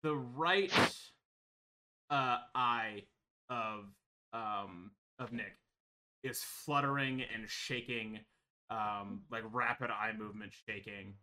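A man narrating as game master of a tabletop horror game, talking with many pauses and restarts. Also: fairly low pitch, sharp tone. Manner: halting, many ums and restarts.

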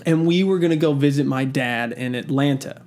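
A man from the Southern US, co-hosting a podcast in casual chat, telling stories in an animated way with joking asides. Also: mid-range voice, normal speed. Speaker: podcast co-host.

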